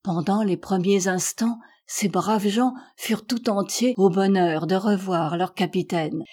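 Woman reading an audiobook, steady and measured, kinda husky. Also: medium pitch. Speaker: audiobook reader. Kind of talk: literary audiobook narration.

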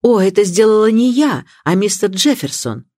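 A woman reading the part of a composed young woman who speaks plainly and bluntly, with a lively voice. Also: mid-range voice, moderate pace, no echo, clean studio sound, voice pushed up.

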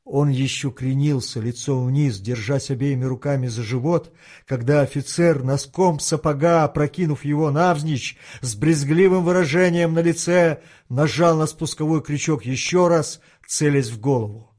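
Man narrating a tense audiobook, higher voice. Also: normal speed, darkish tone. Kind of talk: scripted narration.

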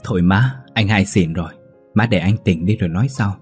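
A man reading as a gentle young sister, softly pleading and soothing. The husky, lowish voice stays calm and even, in an audio storybook. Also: a little fast, faint music behind.

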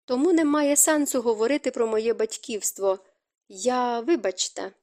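A woman's voice: a little high, normal speed, darkish tone, close to an everyday voice. Guarded young duke from an audiobook, curt and clipped, read by a woman.

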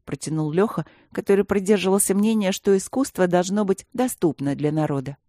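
A woman reading a children's story aloud in a lively, expressive way. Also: lowish voice, a little fast, dry recording, studio quality. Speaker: narrator.

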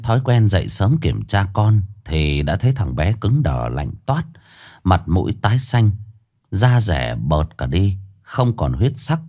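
Lively low-voiced male storyteller. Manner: grave, dramatic storytelling. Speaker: horror story narrator. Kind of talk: scripted horror narration. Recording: faint music behind.

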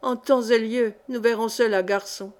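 A woman's voice: on the high side, steady tone, moderate pace, natural voice. A woman reading aloud as an old female miller who tells fortunes, commanding and solemn. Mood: brusque.

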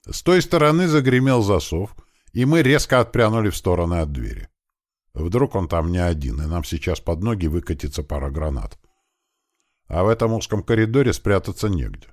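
A man's voice: sits low, very animated, moderate pace, no echo. A man narrating a first-person audiobook with a tense, vivid storytelling manner on a close studio mic.

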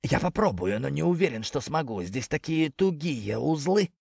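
A man voicing a timid male snake who whines and frightens easily, in a plaintive, drawn-out way. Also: a little high, very animated, gravelly, a little mellow, husky, dry recording, studio quality, voice pushed up, heavily acted. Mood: bewildered.

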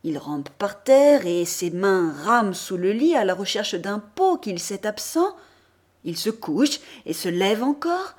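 A woman reading a classic novel aloud as an audiobook, measured and expressive. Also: medium pitch. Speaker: audiobook reader. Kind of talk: literary audiobook narration.

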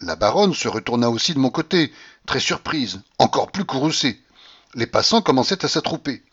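A man reading a classic novel aloud as an audiobook, with a dramatic, expressive delivery that acts out the scenes. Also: normal speed, husky, muffled recording. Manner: dramatic, shifts pitch to act out scenes. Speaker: audiobook reader. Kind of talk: expressive literary narration.

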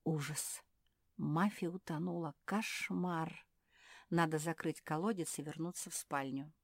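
A woman voicing a caring, bustling girl pug who talks in a brisk and bossy way. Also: deep voice, fairly even intonation, no echo, clean studio sound. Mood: hushed bossy.

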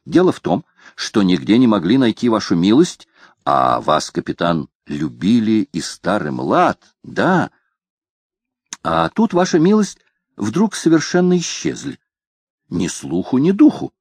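Man voicing a frightened peddler, wheedling and shrill, wild swings in pitch. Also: wildly swooping pitch, measured pace, slightly rough, no room sound, full character voice. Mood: babbling. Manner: whining and pleading, rising to shrill. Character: fawning, cunning male peddler, frightened.

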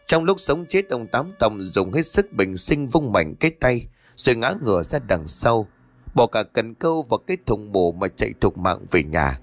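A man narrating a spoken audio story in an expressive, measured storytelling manner. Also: lowish voice, no room sound. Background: faint background music.

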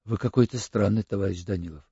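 A man's voice: lowish voice, quick pace, mellow, husky, no echo, voice pushed down. A man doing a weary cynical officer. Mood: dismissive. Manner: tired, offhand, slightly mocking. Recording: dull lo-fi audiobook recording.

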